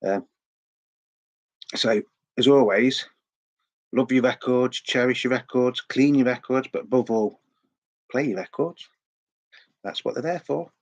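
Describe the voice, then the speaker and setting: A middle-aged man with a sore throat hosts a record collecting vlog, and his mid-range voice moves at an unhurried pace with long pauses. He chats casually in a rambling way, often repeating words, and the recording sounds muffled.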